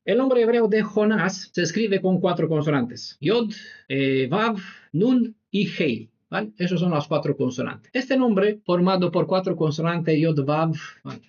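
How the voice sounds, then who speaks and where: A man's voice: high voice, expressive, normal speed, a little mellow, muffled recording. A man teaching a Bible study class in a room with a whiteboard. He explains step by step and keeps checking in with "¿vale?". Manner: explanatory, peppers sentences with "¿vale?".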